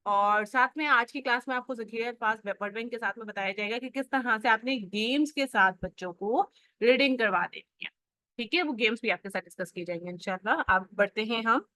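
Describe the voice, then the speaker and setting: A woman's voice: fairly high pitch, a little fast, pushed and bright, dry recording. A woman teacher, leading an online phonics lesson and drilling letter sounds for mothers. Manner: drills sound blends steadily, instructive.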